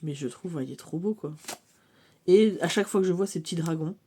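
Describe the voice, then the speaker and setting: A woman chatting casually about her oracle cards, full of fillers and quick to laugh. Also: fairly low pitch, noisy background. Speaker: cartomancy vlogger. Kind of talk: casual show-and-tell of oracle decks.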